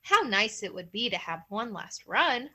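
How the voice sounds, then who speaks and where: A woman's voice: mid-range voice, sing-song, measured pace, bright, forceful tone, full character voice. A woman playing a sly old hare, sweet-talking. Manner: sweet, innocent-sounding, cunning. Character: old, scrawny, sly male hare, quick thinker.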